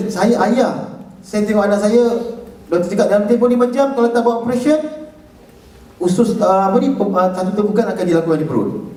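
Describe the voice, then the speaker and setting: A man's voice: fairly high pitch, mellow, slight background noise. Joking Malaysian man in an echoey hall. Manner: jokey, teasing the audience. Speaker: liver transplant recipient speaker. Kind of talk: humorous public talk. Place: lecture hall. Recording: echoey lecture hall, far from mic.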